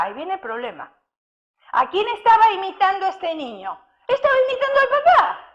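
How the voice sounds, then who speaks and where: A woman's voice: very high-pitched, fairly bright tone. A woman preacher giving a sermon, telling stories and putting questions to her congregation. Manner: storytelling with rhetorical questions to the congregation. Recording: dull lo-fi sound.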